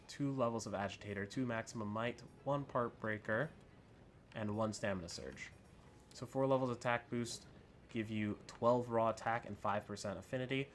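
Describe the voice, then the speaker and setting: A man's voice: on the low side, a bit bright, slight background noise. A man giving casual, unscripted video game commentary as a host, rambling and thinking aloud as he goes. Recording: music under the voice. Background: background music.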